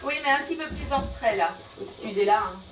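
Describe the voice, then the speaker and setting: A woman's voice: on the high side, animated, fast talker. A woman on stage reciting a poem in a comic sketch, stumbling over and garbling the words and giggling as she goes. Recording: echoey live room, distant mic, audience.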